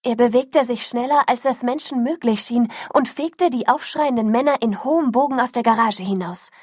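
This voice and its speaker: A woman with a fairly high, breathy voice reads a first-person story aloud as audiobook narration. She sinks into a hushed whisper whenever the tension builds. The recording is close and dry, the sound of a studio booth. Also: normal speed, dry recording. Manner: drops to a hushed whisper at tense moments.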